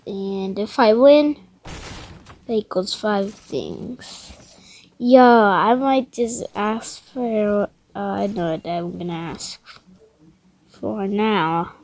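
A woman's voice: medium pitch, takes it slowly, a little hiss or hum. Stuffy-voiced woman chatting over gameplay. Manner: chatty, excitable, rambling slang. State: stuffy, congested from a cold. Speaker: gaming video creator. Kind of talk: casual gameplay commentary.

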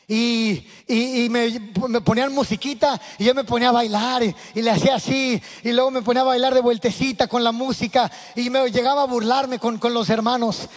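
A man preaching a sermon in a church, telling his testimony with impassioned, animated storytelling. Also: very high voice, normal speed. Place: church sanctuary. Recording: echoey church hall.

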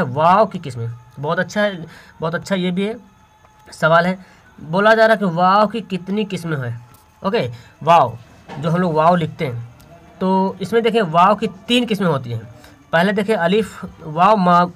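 ऊँची आवाज़ वाला पुरुष शिक्षक. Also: male voice, high voice, fairly bright tone. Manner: explains patiently, repeats definitions; stretches example words slowly. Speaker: teacher. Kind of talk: exam-prep grammar lesson.

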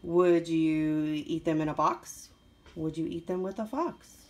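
A woman's voice: low voice, a little slow, a little mellow, a little hiss or hum. A woman voicing a persistent, eager little male storybook creature with a coaxing, questioning manner.

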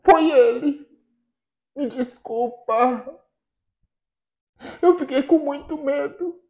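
A guilt-ridden, frightened nurse, read out by a woman in a dramatic soap recap. She pleads and apologizes in a raised, mellow tone, unhurried. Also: high voice, pitched above the performer's own voice, heavily acted. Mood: fearful. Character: remorseful frightened woman nurse, middle-aged.

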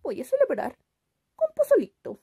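A woman's voice: extremely high pitch, huge pitch swings, full character voice. Woman doing Romeito, a sing-song puppet boy. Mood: friendly farewell. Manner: sing-song, dramatic recitation with many drawn-out "oh"s. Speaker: puppet-show poem reciter. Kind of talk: children's puppet show. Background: loud music.

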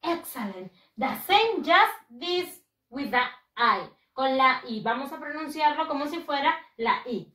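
A woman teaching English to young children, drilling words slowly in a sing-song way with lots of praise. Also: high voice, lively intonation, bright, forceful tone, roomy sound, recorded from a distance, rough recording. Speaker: primary school English teacher. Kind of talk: bilingual lesson for young children.

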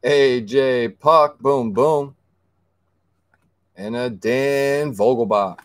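A man with a medium-pitched voice talks extremely slowly in a dry recording. He's hosting a card break, casually reading out player names as he opens packs, sometimes stumbling over them and yelling when something excites him.

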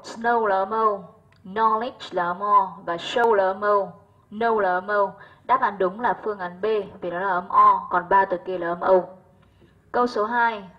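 A woman's voice: medium pitch, a bit bright, breathy edge, lo-fi sound. A Vietnamese-speaking woman teaching English, working through exam answers one by one in a patient voice and often asking whether students follow. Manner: patient, checks understanding with frequent "right?".

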